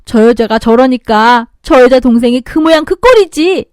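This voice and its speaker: A woman voicing a spoiled, rude young sister-in-law in a spoken radio story, sneering and shrill. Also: very animated, unhurried, a little mellow, no echo, clean studio sound. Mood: shrill, indignant. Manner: sneering, bratty.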